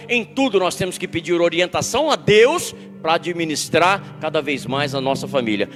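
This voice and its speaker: A man's voice: a little high, a bit bright, long reverb tail. A middle-aged Brazilian man preaching a sermon as pastor, telling stories with acted quotes and emphatic warnings. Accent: Brazilian Portuguese.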